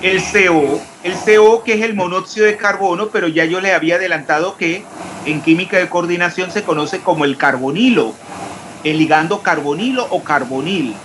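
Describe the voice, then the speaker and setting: A man's voice: sits high, moderate pace, fairly bright tone. Man lecturing chemistry, noisy background. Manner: questioning, repeats terms, spells out formulas. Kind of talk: online class lecture.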